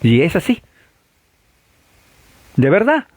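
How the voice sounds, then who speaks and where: A man preaching a sermon, provocative and full of rhetorical questions, swinging from loud to low. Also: wildly swooping pitch, takes it slowly, no echo.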